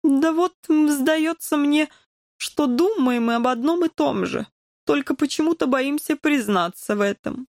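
A woman's voice: sits high, a little slow, a little mellow, dry recording, studio quality, pitched above the performer's own voice. Woman doing an uneasy old cat lord Korzhik. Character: worried old male cat nobleman, hesitant.

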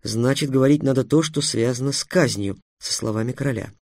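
A man narrating a fantasy audiobook in an expressive, dramatic storytelling manner. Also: medium pitch, fairly quick, no echo. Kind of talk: expressive fairy-tale narration.

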